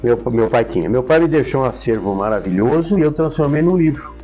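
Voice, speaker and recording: This interview guest, an older professor and author from São Paulo, Brazil, has a Brazilian Portuguese accent and a mid-range voice with lively intonation. He talks briskly, telling and explaining memories in a casual storytelling way. The audio is dull, and music plays in the background.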